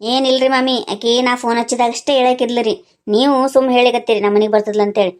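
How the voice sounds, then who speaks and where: A woman's voice: a little high, level tone, fast, lightly acted. A woman voicing a chatty young niece in a cartoon who complains about a friend, speaking. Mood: complaining.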